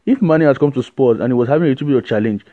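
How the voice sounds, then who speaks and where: A man hosting a solo football podcast, giving animated, rambling opinions with many fillers and restarts. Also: mid-range voice, rapid-fire, no echo, muffled recording.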